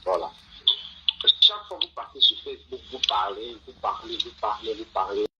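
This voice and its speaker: A man calling in to a live stream, heard through a phone on loudspeaker, insistent and repeating himself. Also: on the low side, animated, moderate pace, heavy background noise. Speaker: caller. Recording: dull lo-fi phone speaker sound.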